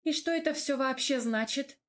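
Brief: woman reading as a fiery young heroine, higher and louder than the narration, quick to exclaim. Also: lively intonation. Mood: indignant. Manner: loud, complaining, exclaiming. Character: indignant young woman, fiery and sharp-tongued. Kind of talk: audiobook character voice.

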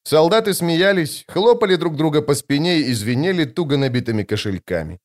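A man's voice: fairly high pitch, lively intonation, brisk. A man narrating a fantasy audiobook expressively, giving the characters their own voices.

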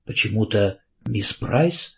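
A man narrating an audiobook in a calm, even storytelling manner, on a dull lo-fi recording. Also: lowish voice, slow pace, creaky.

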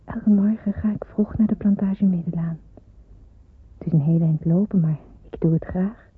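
In a radio drama, an actress narrates and plays the lead, a gentle young woman who helps with small children in wartime, speaking in first person and in dialogue. Her lowish, husky voice is soft-spoken, wistful, and reflective at a moderate pace. The old recording sounds muffled and phone-like.

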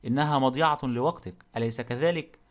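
A man voicing a burly, short-tempered middle-aged man who talks bluntly and gruffly in an audiobook. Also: mid-range voice, fast, close to an everyday voice. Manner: gruff and blunt, barking insults. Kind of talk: audiobook character reading.

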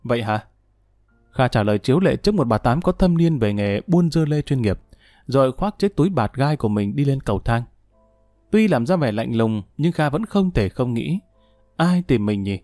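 A male narrator reads a story aloud in an even, measured way. His pitch sits in the middle range. The sound is dry, with faint background music. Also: no echo. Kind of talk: audiobook narration.

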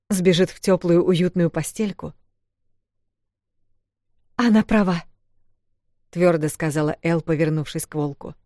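A woman narrating a fantasy audiobook in a measured, steady way. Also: low-pitched, no room sound, studio quality.

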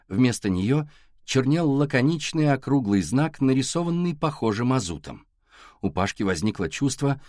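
A man narrating a novel aloud in a scripted, expressive reading. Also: mid-range voice, dry recording, clean studio sound. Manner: expressive reading with acted dialogue. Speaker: audiobook narrator.

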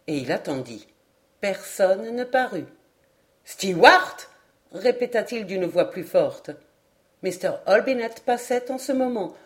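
A woman narrating a classic novel for an audiobook, with an expressive, measured literary delivery. Her voice sits in an ordinary middle range for a woman. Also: mid-range voice. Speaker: audiobook reader. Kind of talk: scripted narration.

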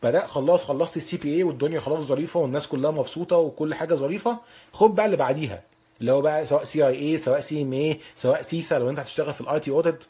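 Male Egyptian instructor, rapid and rough-edged voice, frank informal advice delivery. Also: a little high, warm tone. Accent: Egyptian Arabic. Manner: blunt, colloquial, repeats points for emphasis. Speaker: accounting certification instructor. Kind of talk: informal advice talk to learners.

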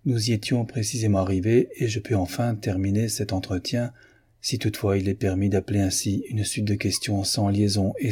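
A man reading a classic novel aloud in a steady, measured narration. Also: lowish voice, husky. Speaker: audiobook reader.

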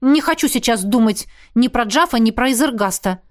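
A woman voicing a blunt, sharp-tongued young woman who talks in a brisk, commanding way in an audiobook. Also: on the high side, lively intonation, natural voice. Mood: dry. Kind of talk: audiobook reading.

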